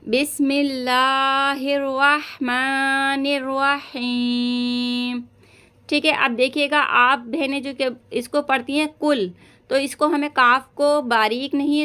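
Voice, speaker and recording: Slow, high, bright-voiced woman teacher. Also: fairly even intonation. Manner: patient, repeats "theek hai" often, recites verses slowly and stretched. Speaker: Quran recitation teacher. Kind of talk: online recitation lesson.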